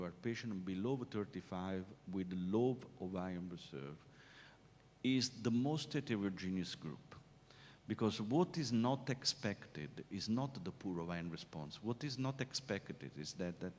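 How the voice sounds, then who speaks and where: A man answering questions as a panelist at a conference discussion, explaining emphatically with frequent hesitations. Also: a little mellow. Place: conference hall. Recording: reverberant conference hall, faint rumble.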